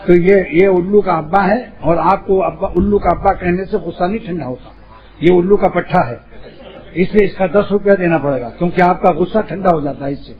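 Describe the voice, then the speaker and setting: A man with a high voice preaching a light-hearted sermon, full of playful puns and teasing asides. The recording sounds dull and lo-fi. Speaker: Islamic preacher. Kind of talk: humorous sermon.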